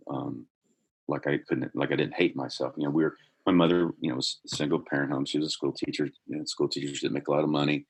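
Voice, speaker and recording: Very deep-voiced man telling his story. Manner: earnest, builds in energy while telling a story. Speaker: podcast guest. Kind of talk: personal storytelling.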